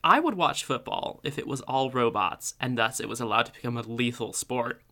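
A man co-hosting a casual podcast chat, playful and quick to riff, with frequent stammered restarts. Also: medium pitch, bright, forceful tone. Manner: playful, riffs in silly voices, stammers on restarts. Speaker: podcast co-host.

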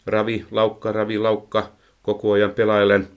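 Male horse trainer, lowish register, chatty explainer, filler-heavy delivery. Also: completely flat delivery. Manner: explains at length, many "tota" fillers and repeated words. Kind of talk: casual explanatory chat. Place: indoors, recorded for a microphone.

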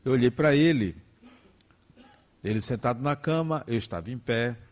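An older man with a Brazilian Portuguese accent recounts a personal story before a spiritist audience. His voice sits at a middle pitch but rises and falls widely. He leans on slow, emphatic phrasing and lets the emotion show. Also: animated. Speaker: spiritist speaker. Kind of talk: personal testimony talk.

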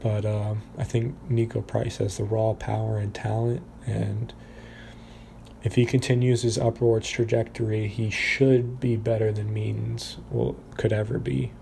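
A man's voice: on the low side, flat delivery, measured pace, gravelly, a little mellow, slight background noise. A man casually previewing upcoming fights, talking in a hesitant way with many fillers and restarts. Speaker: fight predictions commentator.

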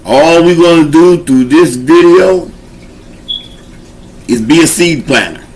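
With a voice on the high side, slow and a little mellow, a man hosts a show where he preaches an informal sermon. His folksy, conversational delivery uses call-and-response encouragement to urge listeners on. The audio is poor, with a little hiss or hum.

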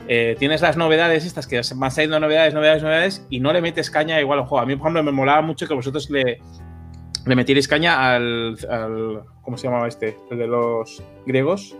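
A man's voice: medium pitch, steady tone, fairly quick, a bit bright, faint music behind. A man with a Spanish accent from Spain hosting a casual board game chat over a video call, joking and acting out quotes. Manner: joking, laughing, acts out quotes. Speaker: podcast host.

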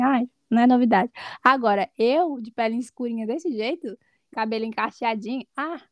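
Lively woman guest, dry close sound. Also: a little high, dry recording. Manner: lively, laughs often while telling stories. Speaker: podcast guest. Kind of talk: casual conversational storytelling.

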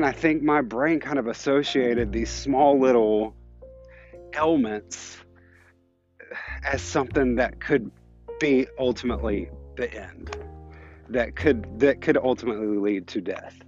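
The sound is lo-fi as a man in his thirties, medium-pitched with a darkish tone, tells a personal tale on his podcast. He's walking outside and slightly out of breath, speaking candidly and reflectively with frequent restarts.

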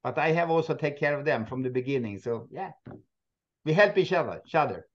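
Swedish man, halting English, muffled line. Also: on the high side, animated. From Sweden. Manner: halting non-native English, many restarts, laughs often. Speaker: moose park owner, guest. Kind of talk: casual interview.

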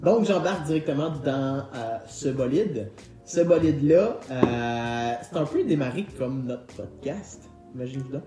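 Speaking a little slowly, a man with an expressive, medium-pitched voice and a Québécois French accent hosts a podcast's car segment. His talk is casual chat and storytelling, joking and colloquial, captured with roomy echo and music beneath.

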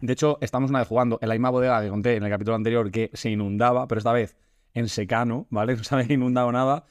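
Guy cohosting, talks super fast, jokey, dry close mic. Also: medium pitch, fairly even intonation, no echo. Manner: quick, joking, interjects a lot. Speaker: podcast co-host. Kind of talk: casual comedic chat.

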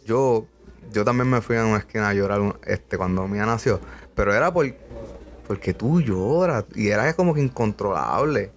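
Young podcast host, low-pitched, earnest and casual, swears freely. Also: male voice, moderate pace. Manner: earnest, peppers speech with swearing and "papi". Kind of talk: casual conversation.

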